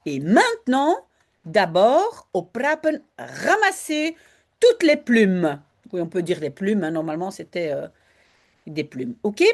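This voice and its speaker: Slow, lively teacher, woman. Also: fairly low pitch. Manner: slow, explanatory, switching between Dutch and French. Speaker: Dutch language teacher. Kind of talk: line-by-line reading and translation lesson.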